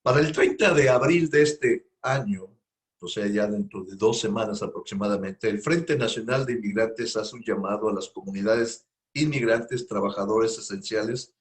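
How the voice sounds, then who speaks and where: A rather low-voiced man talks at a moderate pace while introducing a radio interview on a studio microphone. The intro is informal and meandering, with plenty of fillers and repeated phrases.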